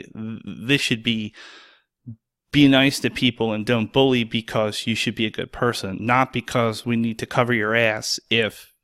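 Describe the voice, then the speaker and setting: A man's voice: medium pitch, a bit bright, clear, resonant tone, dry recording. A man hosting a solo podcast as an EMS worker, speaking bluntly and sarcastically and swearing freely.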